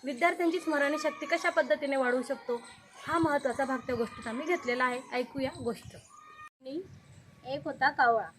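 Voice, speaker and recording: A woman teacher telling a story to young children, animated and stopping often to ask them questions. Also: high-pitched, brisk, a little hiss or hum.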